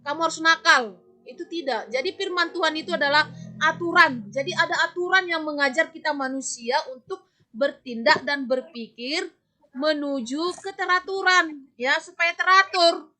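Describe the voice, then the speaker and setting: A woman religion teacher giving an online class to children, lively and scolding, sometimes acting out children's voices, on a video call. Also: high voice, moderate pace.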